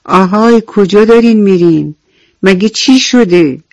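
A man voicing a fussy, self-centred male grasshopper in a children's radio story, who shouts out of his window and shrugs off others' trouble. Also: fairly high pitch, steady tone, vocal fry, no echo. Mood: calling out.

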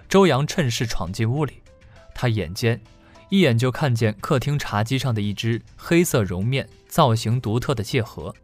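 A man narrates a serialized novel in an even, measured storytelling voice. His pitch sits in the middle, and faint plucked guitar plays beneath him. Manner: steady storytelling delivery. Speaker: audiobook narrator. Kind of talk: scripted narration.

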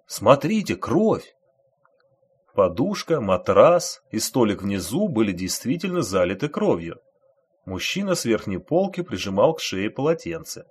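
A man narrating an audiobook thriller with expressive, tense storytelling. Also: lowish voice, moderate pace, slightly rough.

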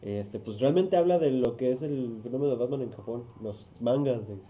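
A man's voice: medium pitch, moderate pace. Hesitant male podcast guest, distant, tinny lo-fi audio with faint noise. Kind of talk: casual chat.

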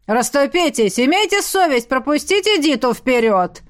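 A woman's voice: fairly high pitch, expressive, moderate pace, natural voice. A woman voicing a pushy, commanding male suitor who orders people aside. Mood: bossy. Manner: loud, commanding.

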